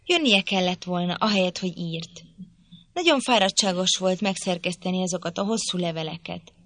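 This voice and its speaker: A woman's voice: lowish voice, a bit bright, dry recording. A woman reading aloud, voicing a sickly, petulant young man who complains fretfully. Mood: reproachful. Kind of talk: audiobook character voice.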